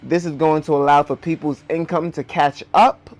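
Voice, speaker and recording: Higher-pitched man speaking with braces. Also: fairly even intonation, normal speed. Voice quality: speaking with dental braces, slightly impeded articulation. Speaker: host of a personal finance video. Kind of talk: explanatory talk to viewers.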